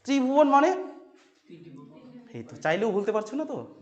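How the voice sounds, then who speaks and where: Man, very high voice, Sanskrit teacher, quizzes the class, repeats key phrases, chants verses slowly, dull lo-fi sound. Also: wildly swooping pitch, a little mellow. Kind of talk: classroom lecture explaining verses.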